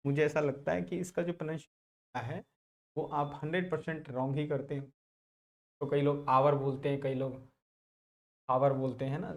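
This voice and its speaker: A man with a Rajasthani accent teaching an English lesson, slowly repeating words and drawing out their pronunciation. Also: a little high, a little mellow. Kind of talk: classroom lesson.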